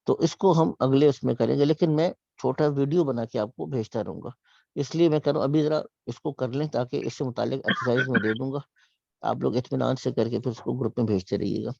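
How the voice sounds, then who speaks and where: A man with a Pakistani Urdu accent teaches an online Arabic class. His voice is gravelly and dark, and it stretches out each Arabic phrase slowly. The recording sounds dull and dry, like it was made through a call mic. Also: mid-range voice, dry recording. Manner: slow, drawn-out reading of Arabic phrases, then brisk explanation.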